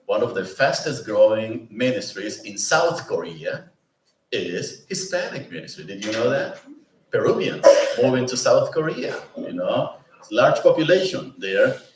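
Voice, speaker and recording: A man's voice: mid-range voice, very animated, unhurried, background noise. A man giving a conversational lecture as a presenter at a pastoral institute, often asking the room "no?" and "you know?". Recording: roomy, mic at a distance.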